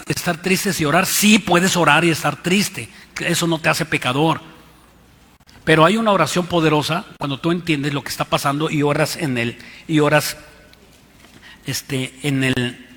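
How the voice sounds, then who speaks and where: A man's voice: a little high, a bit bright. A man with a Mexican accent preaching a sermon as pastor, emphatic and repeating his key lines. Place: church hall. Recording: reverberant church hall.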